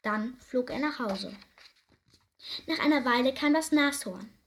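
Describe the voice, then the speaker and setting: A woman reading a children's story aloud in a calm, gentle narrating voice. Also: sits high, measured pace.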